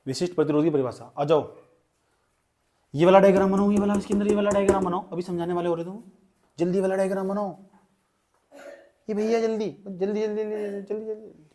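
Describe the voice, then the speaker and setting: A man's voice: sits high, quick pace, long pauses, mellow, slight background noise. A young male physics teacher in a classroom, urging students along, repeating phrases and calling on them by name.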